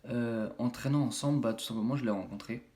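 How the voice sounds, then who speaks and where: A man's voice: medium pitch, fast talker, darkish tone. A young man from France with a French accent tells a personal story on his vlog, rambling with many fillers and restarts and acting out blows with sound words. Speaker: YouTuber.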